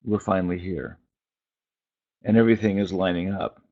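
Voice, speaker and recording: Low-pitched and steady, a preacher and spiritual teacher talks through an informal prophetic sermon on a phone conference call. He reflects in short, halting phrases with long pauses in between, and the audio is dull and band-limited.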